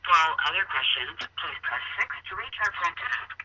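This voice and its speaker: A woman's recorded automated phone menu message, read as scripted prompts in an even, announcer-like delivery. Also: lowish voice, normal speed, background noise. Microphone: heard through a telephone line. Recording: dull, muffled phone-line audio.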